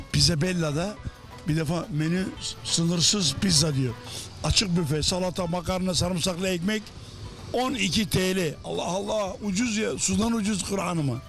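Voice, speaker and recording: A man's voice: sits high, a bit bright. A man hosting a promotional show, presenting enthusiastically and chattily, with emphatic repeated phrases. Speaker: host of a restaurant promotion show. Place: inside a restaurant.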